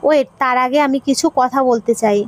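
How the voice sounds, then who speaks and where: A woman doing a shrill scolding mother. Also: fairly even intonation, normal speed, natural voice. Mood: scheming. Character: scornful middle-aged mother, status-obsessed.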